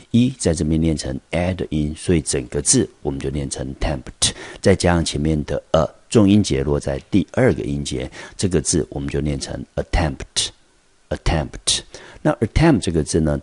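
A man's voice: a bass voice, a little mellow, breathy edge, no room sound. A male English teacher with a Taiwanese Mandarin accent giving an online vocabulary lesson, explaining step by step with many fillers.

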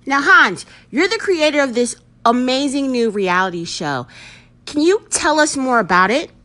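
Brash high-voiced woman talk host. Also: expressive, moderate pace. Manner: brash, loud, teasing. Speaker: talk show host and comedian. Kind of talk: comedic talk show interview.

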